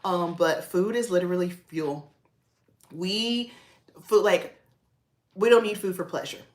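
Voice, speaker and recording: A woman's voice: on the low side, unhurried. A woman from the South, chatting casually to livestream viewers, often breaking into preachy asides and calling them y'all. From American South. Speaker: makeup artist and livestream host. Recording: roomy echo.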